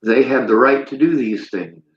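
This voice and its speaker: A man's voice: medium pitch, normal speed, muffled recording. Preachy livestreaming man, roomy sound. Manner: preachy, reads chat aloud. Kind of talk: livestream monologue.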